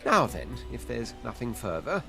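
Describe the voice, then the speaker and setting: The Red Prince, pompous lizard royal. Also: male voice, medium pitch, huge pitch swings, normal speed, gravelly. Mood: condescending, courteous. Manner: pompous, theatrical, flowery phrasing. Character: haughty exiled male lizard prince, grandiloquent and condescending. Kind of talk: video game character acting. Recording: game music behind the voice.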